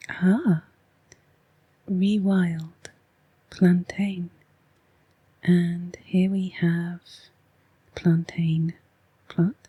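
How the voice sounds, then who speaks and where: A woman with an English accent, speaking in a hushed, half-whispered voice as she hosts a soft-spoken, rambling ASMR card reading. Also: lowish voice, flat delivery, very slow, pauses often, slightly rough, no room sound, low-quality recording. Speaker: oracle card reader and ASMR host.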